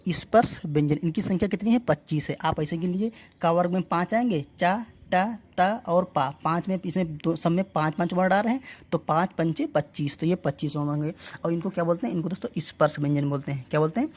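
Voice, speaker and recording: A woman's voice: on the low side, a little mellow. A woman teaching an exam-prep lesson, drilling letter sounds aloud and asking questions she then answers herself. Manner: addresses viewers as friends.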